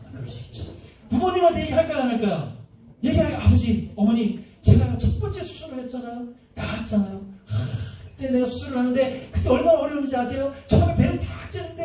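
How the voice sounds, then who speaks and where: A man preaching a sermon as pastor, animated, asking the congregation questions and acting out little voices. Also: extremely high pitch. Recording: echoey room from a distance.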